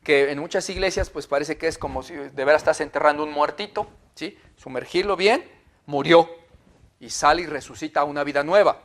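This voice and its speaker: A Mexican-accented pastor with a notably high voice for a man preaches in a loose, conversational way. He keeps checking in with his listeners through quick tag questions. His tone stays informal and animated. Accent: Mexican Spanish. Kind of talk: conversational sermon.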